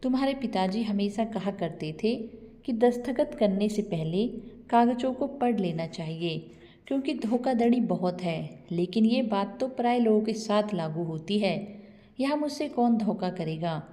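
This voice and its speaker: Woman reading a meek old mother for a storybook, warm tone, long reverb. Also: mid-range voice, expressive, normal speed, lightly acted. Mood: gentle. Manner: meek, pleading. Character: elderly widowed mother, gentle and trusting.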